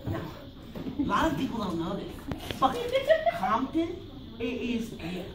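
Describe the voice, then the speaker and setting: A woman's voice: on the high side, sing-song, a little slow. A teenage girl hosting a class improv game, rambling and playful with lots of fillers. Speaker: student improv host. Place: school theater classroom. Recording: roomy classroom, distant mic, noisy crowd.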